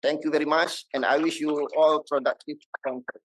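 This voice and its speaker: A man giving a formal opening podium speech as a dean, in a measured, ceremonial way. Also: fairly high pitch, steady tone, low-quality recording.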